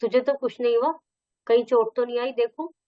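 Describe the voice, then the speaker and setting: A woman's voice: a little high, steady tone, normal speed, dry recording, close to an everyday voice. A woman reading the lines of a loving, anxious village mother from a textbook story, in a dull, dry recording. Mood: tender. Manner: reading dialogue aloud from a textbook.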